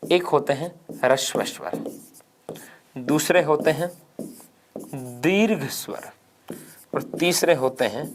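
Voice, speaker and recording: A man teaching a grammar lesson for exam students, asking questions and answering them himself and repeating key points. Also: a little high. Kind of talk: exam-prep grammar lecture.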